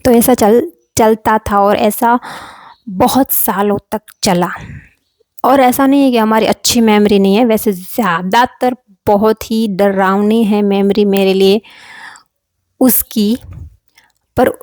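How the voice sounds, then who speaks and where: A woman's voice: mid-range voice, fairly even intonation, takes it slowly, darkish tone, no room sound, studio quality. A young woman telling a personal story from her own childhood in a casual, confiding way, often repeating phrases and checking in with her listeners. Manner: confiding, repeats phrases, frequent "theek hai" check-ins.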